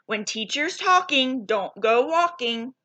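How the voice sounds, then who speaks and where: An eager young shark boy from a storybook, played by a woman, bright and swooping in pitch. He is excitable and loud, drawing his words out as he chants little rhymes. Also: slow pace, heavily acted. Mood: eager, determined. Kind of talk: children's storybook character.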